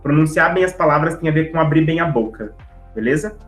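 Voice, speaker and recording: A man teaching public speaking in an online class, talking fast and lively and checking in with the audience as he goes. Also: on the high side, echoey room, faint music behind, low-quality recording. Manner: lively, talks straight to the audience with tags like "tá?" and "né?"; brisk, speeding up on purpose to fit the content in. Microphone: video call setup.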